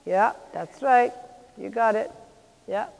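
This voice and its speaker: A woman coaching a riding lesson, calling out brisk, projected commands mixed with encouragement and blunt corrections. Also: a little high, creaky, darkish tone. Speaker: riding instructor, clinician. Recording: long echoing reverb of a large hall.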